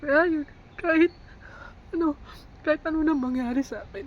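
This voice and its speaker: A young woman from the Philippines with a high voice records a confessional vlog about her work as a live-in caregiver. She speaks haltingly, with many pauses, in an emotional way. Faint ambient sound sits behind her voice. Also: highs cut off, a little hiss or hum. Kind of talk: confessional vlog, mixing Tagalog and English.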